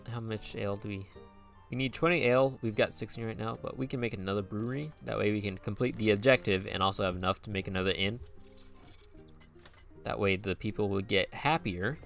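A man's voice: fairly low pitch, creaky, a bit bright. A man hosting a gaming video, giving casual, playful commentary as he thinks aloud while playing a strategy game. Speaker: gaming channel host.

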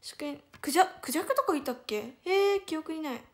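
A high-voiced young woman speaks with a Hiroshima lilt. She hosts a relaxed livestream and chats and giggles as she reads out and answers viewers' comments. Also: fast. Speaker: idol livestreamer. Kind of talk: casual livestream chat reading viewer comments.

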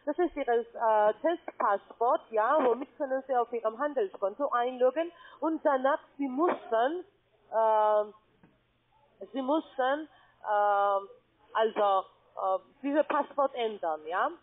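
A woman, working as a cold-call adviser, halting and often checking for agreement. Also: on the high side. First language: not German. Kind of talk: scripted sales phone call. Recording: muffled narrow phone line.

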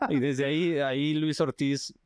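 A man's voice: a little high, takes it slowly, no echo. Slangy Mexican man telling stories. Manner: animated, slangy, acts out other people's cries. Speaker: actor guest. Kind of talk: casual storytelling chat.

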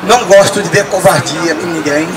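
Middle-aged guy in a square with a mic, plain blunt talk, far off mic, crowd and traffic loud. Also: on the high side, moderate pace. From Brazil. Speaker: city councillor. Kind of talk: public speech at a rally. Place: outdoor city square. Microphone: handheld mic. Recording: distant mic, loud crowd and street noise.

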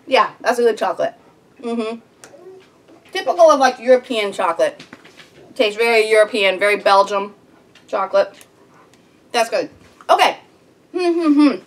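A woman's voice: a little high, expressive, normal speed, long pauses. Chatty woman vlogging at home. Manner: chatty, rambling, many ums. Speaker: homestead vlogger. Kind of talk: casual chat to camera. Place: small home sitting room.

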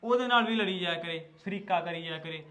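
A man's voice: sits high, fast talker, pushed and bright. A man playing a fed-up son-in-law, complaining and scolding his wife's family. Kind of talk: village family drama acting.

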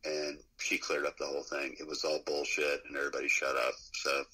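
A man's voice: rumbling low, monotone, brisk, pushed and bright, rough recording. A middle-aged male musician telling a rambling, profane road story in a casual interview, laughing often. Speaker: musician guest.

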